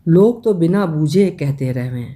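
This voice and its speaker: A woman reading a story aloud in a gentle, measured way. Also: low-pitched, expressive. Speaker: story reader.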